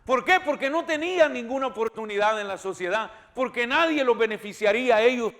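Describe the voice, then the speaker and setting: A male pastor preaching a sermon, emphatic and repeating his words, now and then rising to loud cries. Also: extremely high pitch, expressive, brisk. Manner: repeats words and restarts often. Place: church.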